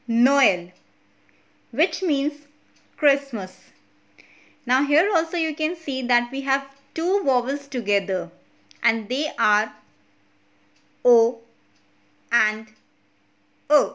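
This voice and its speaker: A woman's voice: high-pitched, fairly bright tone. A woman with an Indian English accent teaching a French lesson online, explaining step by step and checking in with "okay?".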